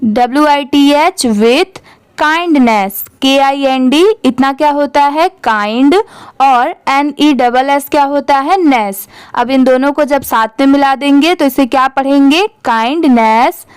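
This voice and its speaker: A woman's voice: high-pitched, dry recording. A woman teaching English reading, spelling words out letter by letter and patiently asking how each one is read. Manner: slow, letter-by-letter, patient questioning.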